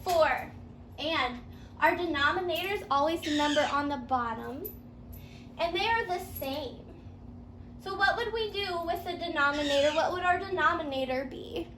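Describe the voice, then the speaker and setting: A woman with a high, bright, forceful voice speaks at a normal pace. She guides a pupil step by step through a playful fairytale math lesson, cheering them on with sing-song questions and repeating the answers. The recording has a roomy echo and faint background noise.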